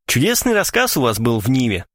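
A man's voice: medium pitch, wildly swooping pitch, fairly quick, a bit bright, no room sound, studio quality. A man voicing a lazy male poet who talks in a drawling, pompous, mock-solemn way. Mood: teasing.

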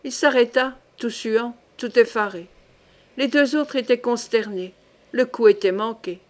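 A woman narrating a historical novel as an audiobook in a steady, measured reading. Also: on the high side. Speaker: audiobook reader.

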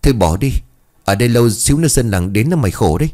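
A man's voice: mid-range voice, expressive, rapid-fire, warm tone, lightly acted. A man voicing a scared young village boy who stammers as if about to cry. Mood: urgent. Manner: stammering, on the verge of crying.

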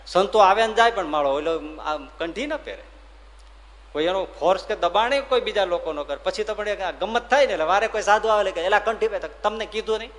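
A swami preaching a devotional story sermon, animated and acting out every character. His voice is slightly high for a man. It rings through a long hall reverb. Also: fairly quick.

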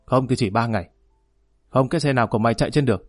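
A man's voice: mid-range voice, a little fast, no room sound, studio quality, close to an everyday voice. A man reading as an angry aging father. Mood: scolding. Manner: harsh, scolding, loud. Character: stern aging father scolding his grown son. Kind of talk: audiobook narration.

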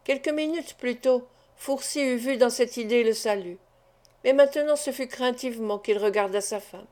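Mellow woman reading a novel aloud. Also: fairly high pitch, normal speed. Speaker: audiobook narrator. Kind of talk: scripted literary narration.

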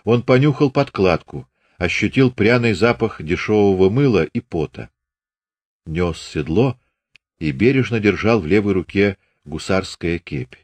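Low, dry male audiobook narrator. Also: no echo. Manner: steady, measured reading. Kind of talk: scripted literary narration.

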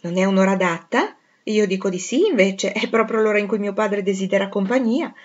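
A woman's voice: mid-range voice, a little fast, lightly acted. Woman reading as a cheerful coaxing young lady. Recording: dull lo-fi recording.

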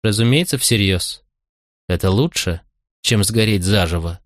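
A desperate captive Roman mother begs in a pleading, urgent voice pitched a little above a deep one, as a man narrating the audiobook puts her on. The storybook reading sounds close and dry. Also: lively intonation, a little slow, no room sound.

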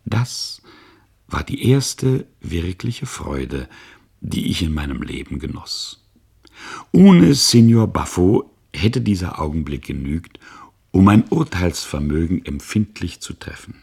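A man reading a literary memoir aloud as scripted narration, with measured delivery. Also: low voice, sing-song, creaky, darkish tone, husky.

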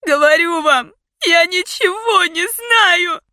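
A woman's voice: very high voice, slow, sharp tone, no echo, voice pushed up, heavily acted. A woman voicing a desperate young woman, sobbing and pleading in cries as an audiobook character.

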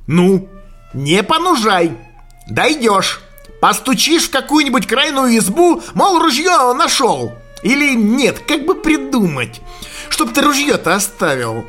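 A man reading an audiobook and voicing a gruff, scolding old Siberian hunter who speaks in loud, folksy exclamations. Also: extremely high pitch, very animated, unhurried, soft background music, pitched above the performer's own voice, heavily acted. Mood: scheming.

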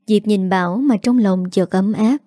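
A woman narrating a family drama story in a steady scripted storytelling manner. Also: mid-range voice, moderate pace, dry recording, studio quality.

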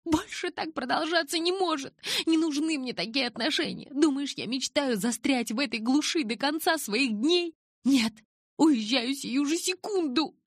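A woman narrator voicing a distraught teenage girl who shouts at her father in a high, strained voice. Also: expressive, moderate pace, no echo, studio quality. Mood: desperate.

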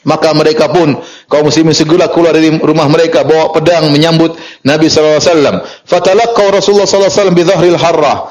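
Animated male preacher telling a story. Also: rapid-fire, rough recording. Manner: storytelling lecture, reads Arabic text then explains it; lively, rises in pitch for emphasis and chuckles. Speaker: Islamic preacher. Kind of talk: sermon.

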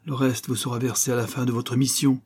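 A man doing a blustering German major, gruff, menacing, husky, storybook villain. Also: mid-range voice, level tone, brisk, darkish tone, lightly acted.

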